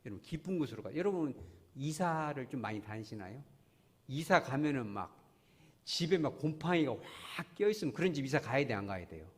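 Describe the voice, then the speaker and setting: A man preaching a sermon in a church, telling stories earnestly and asking the congregation question after question. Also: mid-range voice. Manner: earnest, storytelling, many rhetorical questions to the congregation. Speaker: pastor. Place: church sanctuary. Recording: long church reverb.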